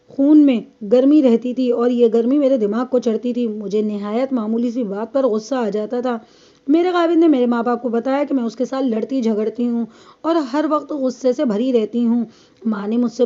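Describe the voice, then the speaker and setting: A woman's voice: on the high side, mellow, highs cut off, natural voice. A woman reading as a defiant young wife. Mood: earnest. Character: defiant young wife giving a police statement. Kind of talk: audiobook reading.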